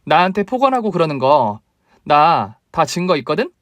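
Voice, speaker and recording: A man's voice: a little high, big pitch swings, normal speed, fairly bright tone, no echo, lo-fi sound. A man voicing a selfish, demanding young wife who whines and accuses in a story radio drama. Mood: scornful. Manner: whiny, accusing, nagging.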